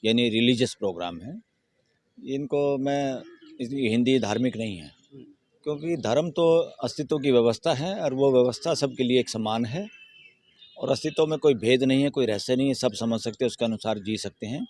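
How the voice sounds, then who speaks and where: A man speaking as an advocate in an interview, giving long emphatic answers that build into forceful rhetorical questions. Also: mid-range voice, moderate pace. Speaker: Supreme Court advocate, interviewee. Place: outdoors near a courthouse.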